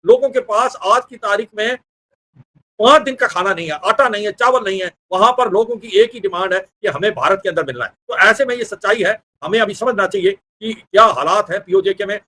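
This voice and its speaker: A man's voice: sits high, animated, brisk, pushed and bright. A man panelist on a TV debate, speaking assertively.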